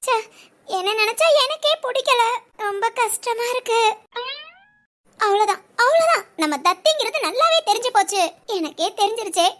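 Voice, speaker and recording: A woman voicing a young wife in a family audio drama, lamenting and self-pitying in a girlish voice. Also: a bit bright. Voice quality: very high, girlish voice.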